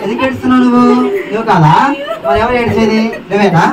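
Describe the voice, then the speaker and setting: A woman's voice: a little high, racing. A woman hosting a church puppet show for children, calling out questions and coaxing the kids. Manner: animated, coaxing, often shouting to a crowd. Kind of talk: lively call-and-response with children. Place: church hall with many children. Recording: far-off voice in a noisy crowded hall. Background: loud children's crowd and noise.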